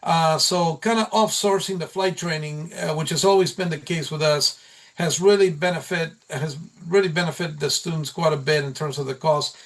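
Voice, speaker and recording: A college program instructor gives an informal slide presentation at a meeting, speaking haltingly and repeating or restarting phrases. His voice is on the high side and a bit bright.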